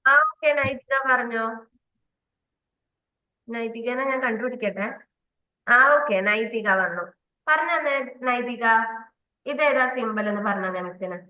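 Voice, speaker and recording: A woman's voice: on the high side, takes it slowly, long pauses, bright, forceful tone, echoey room, rough recording. A woman from Kerala teaching a kindergarten maths class online, patiently coaxing and repeating questions for the children.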